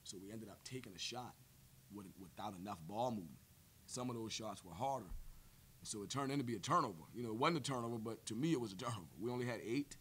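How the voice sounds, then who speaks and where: A little hiss or hum accompanies this post-game press conference, where a head coach in his forties answers questions into a table mic on a stand in a press room. His voice is fairly low and a bit bright, and he speaks in a measured way, heavy with fillers and repeated words.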